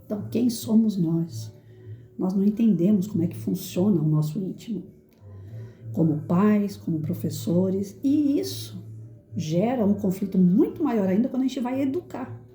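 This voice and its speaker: A middle-aged woman teacher speaks to an audience in a firm, clear voice that carries. Her tone is very dark and mellow, and the room adds a roomy echo. She sometimes acts out quotes in shrill, high voices. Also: expressive, moderate pace. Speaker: teacher and educator. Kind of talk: reflective talk to an audience.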